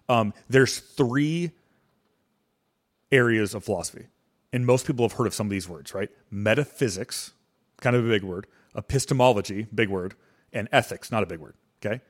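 A young adult man hosting a casual podcast, explaining ideas in a rambling way with lots of fillers and restarts. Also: lowish voice. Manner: rambling, self-correcting, heavy on fillers. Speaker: podcast host. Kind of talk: casual chat and teaching.

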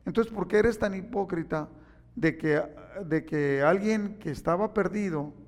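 Speaking at a measured pace in a high-pitched voice, a man preaches, telling stories with animation and acting out the quotes. Echoey hall reverb fills the recording.

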